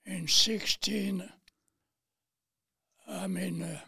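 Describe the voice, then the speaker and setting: A Parisian war veteran in his late nineties recounts his own memories as an interview guest, speaking plainly and haltingly in French-accented, non-native English with unhurried pauses. His high voice is very husky, raspy, thin, and breathy, slipping into heavy fry, with fairly even intonation and a pushed, bright tone. The studio-quality recording has no room sound.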